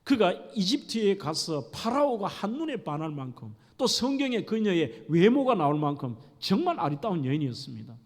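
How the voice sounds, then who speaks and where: A man's voice: high voice, big pitch swings, normal speed, hardly any pauses. A middle-aged male pastor preaching a sermon with dramatic storytelling, acting out scenes. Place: church sanctuary. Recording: echoey church hall.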